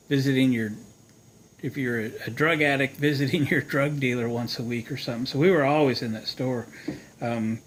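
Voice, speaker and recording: This American man has a medium-pitched voice and hosts a video showing how to do a repair. Casual and folksy, he reasons out loud as he demonstrates. The recording is of poor quality, with distinct background noise.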